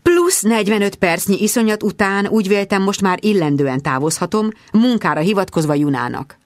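A woman narrating a novel in first person, with a lively, expressive reading. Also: mid-range voice, no echo, studio quality. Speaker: audiobook narrator.

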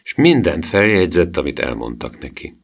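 A man narrating a children's novel in an even, measured reading. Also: deep voice, creaky. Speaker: audiobook narrator. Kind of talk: scripted narration.

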